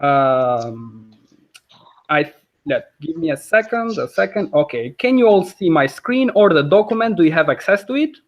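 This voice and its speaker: A man's voice: fairly high pitch, very animated, normal speed, highs cut off. A man with an Albanian accent teaching a live online language lesson in a friendly, explanatory way, with frequent fillers, over a video call.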